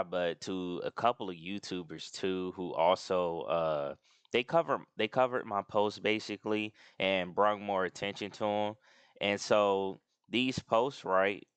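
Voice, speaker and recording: A man with a deep, smooth voice talks loosely over a screen-share, looping back with fillers and restarts. The sound is dry and close, with no room around it. He has the hiccups and keeps pausing to excuse himself. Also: fairly bright tone, dry recording. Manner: rambling with many fillers and restarts. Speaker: gaming channel host. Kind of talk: casual screen-share commentary.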